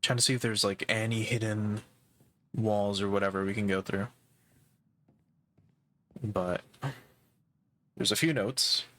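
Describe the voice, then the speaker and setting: A man's voice: fairly low pitch, steady tone, measured pace, pauses often, fairly bright tone. A man casually commentating his horror game playthrough as a streamer, talking through puzzle steps with loose fillers and the odd swear. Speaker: gaming streamer. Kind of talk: casual let's-play commentary.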